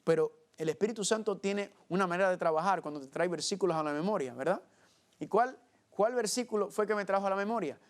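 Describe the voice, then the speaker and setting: A man's voice: high voice, fast. A man preaching a Bible teaching sermon, asking his listeners rhetorical questions and answering them himself, and often calling them family. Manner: keeps addressing listeners as family.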